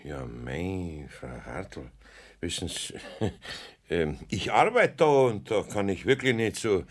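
A good-natured old Bavarian master craftsman in a children's radio play. He is husky and easygoing, with hesitant mumbled asides. His pitch moves widely as he talks. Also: lively intonation, takes it slowly, heavily acted. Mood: reluctant, good-natured.

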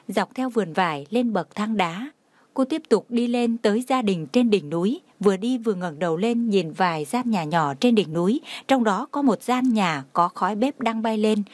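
A woman reading a story aloud in a steady, even narration. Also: medium pitch, no echo.

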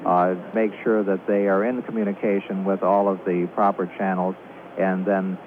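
A man giving measured, explanatory countdown commentary as a launch control commentator, hesitating as he goes. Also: low-pitched, flat delivery. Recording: tinny phone-like line, faint noise.

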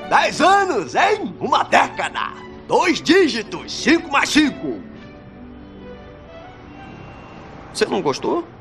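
An actor playing an exuberant, playful motormouth zebra in an animated film, chanting and urging his friends on. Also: very high voice, unhurried, vocal fry, soft background music, heavily acted. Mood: playful, pushy.

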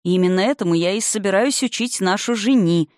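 A reader voicing the spirit of an older father, calm and condescending, who lectures with mocking haughtiness in an audiobook. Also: high voice, a little fast, dry recording, clean studio sound, lightly acted. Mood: lecturing. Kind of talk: audiobook character reading.

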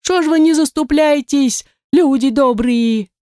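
A man's voice: very high voice, fairly even intonation, moderate pace, darkish tone, clean tone, no echo, clean studio sound, pitched above the performer's own voice. A woman doing a wailing old man. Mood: desperate. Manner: wailing, pleading. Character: frightened old man pleading for his life.

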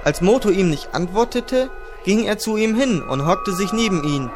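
A man reading a fantasy audiobook in steady, dramatic storytelling, with music behind him. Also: high-pitched, normal speed. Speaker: audiobook reader. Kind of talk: scripted fantasy audiobook narration. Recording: background music under the narration.

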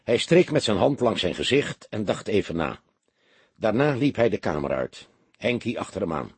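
A man narrating a detective audiobook in an expressive storytelling manner. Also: on the low side, moderate pace, breathy edge, dry recording.

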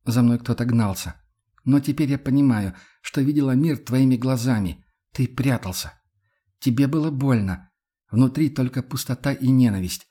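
A man's voice: mid-range voice, normal speed, mellow, husky, natural voice. A man reading an audiobook, voicing a young woman who pleads and breaks with emotion. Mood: haunted. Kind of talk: audiobook character voice.

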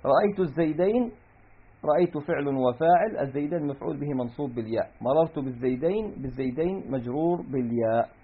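A man's voice: fairly high pitch, quick pace, husky. Man teaching grammar over tinny audio. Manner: explains step by step, reads the source text aloud, then parses examples. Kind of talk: classical Arabic grammar lesson. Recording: tinny phone-like recording.

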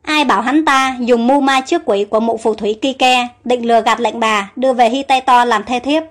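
Chatty loyal handmaid for an audio storybook, voiced by a woman; cheerful, high. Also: moderate pace, faint music behind, natural voice.

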